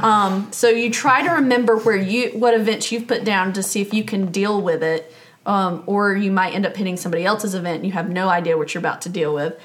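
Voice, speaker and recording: Relaxed woman co-hosting a board game chat. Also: medium pitch, brisk. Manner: relaxed, with fillers. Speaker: podcast co-host.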